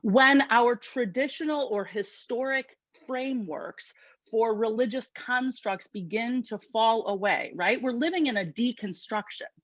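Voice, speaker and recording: A woman with a Chicago accent giving an inspirational talk as guest speaker at an online spiritual service, lively and conversational with quick asides. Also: fairly high pitch, no echo, highs cut off. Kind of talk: inspirational sermon.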